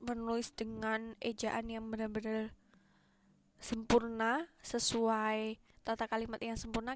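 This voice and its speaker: A woman's voice: fairly high pitch, no room sound. Woman english teacher on a video call, upbeat and chatty, dry close mic sound. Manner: chatty, encouraging. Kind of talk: casual online class. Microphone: online meeting microphone.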